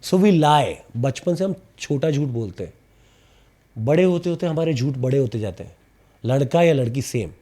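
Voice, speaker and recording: In a casual podcast interview, this male actor tells animated stories at a normal speed in a mid-range voice, stumbling a little and mixing in bits of English.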